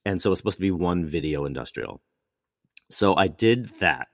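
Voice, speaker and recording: In studio-quality audio with no echo, a male actor speaks low and animated at a moderate pace. Chatting casually, he spins long, rambling stories, frequently restarting and quoting himself in asides.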